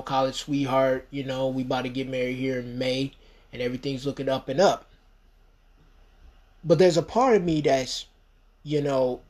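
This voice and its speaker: An American podcast host in his thirties delivers a solo monologue in a medium-pitched, somewhat dark voice. He rambles emphatically and peppers his talk with "you know."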